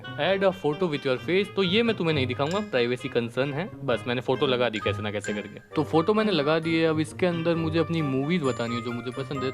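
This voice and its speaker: A young man chats through a comedic vlog in a relaxed, joking way. His voice sits at an ordinary middle pitch, and he reads chat lines aloud with a mock-innocent voice. Faint music plays under his talk. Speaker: YouTuber. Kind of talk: casual comedic vlog narration.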